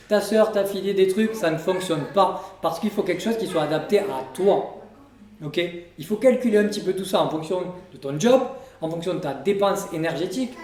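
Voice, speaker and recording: A fitness coach with a high-pitched, darkish voice talks straight to the camera from home, offering direct, informal diet advice and addressing the viewer as "tu." His casual coaching is recorded from a distance with a roomy echo.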